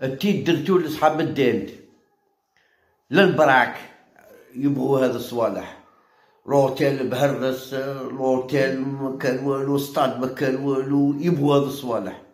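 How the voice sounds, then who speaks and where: A man with an Algerian Arabic accent hosting a football channel, ranting heatedly and mockingly, repeating himself and jumping high in pitch when worked up. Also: fairly even intonation, brisk, darkish tone, roomy sound. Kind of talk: heated opinion rant.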